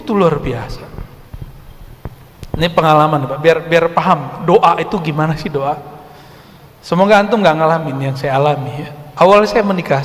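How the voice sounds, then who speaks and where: Middle-aged male preacher, high voice, chatty study-circle sermon, long hall reverb. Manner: conversational, addresses the audience directly, recites Arabic verses.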